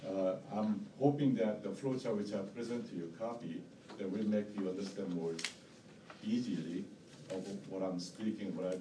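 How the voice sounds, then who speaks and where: A man who isn't a native English speaker, with a strong accent and fairly low voice, is a bidder presenting an appeal at a hearing. His formal statement, partly read aloud, comes in halting, repetitive phrases. The indoor hearing room sounds roomy, with a distant mic and faint noise.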